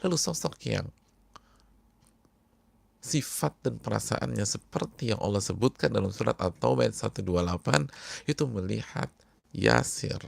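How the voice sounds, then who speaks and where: A man preaching a sermon to a congregation, speaking emphatically and repeating key words, often dropping to hushed tones. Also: on the low side, expressive, moderate pace, gravelly, long pauses. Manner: addresses the congregation directly. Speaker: Islamic preacher.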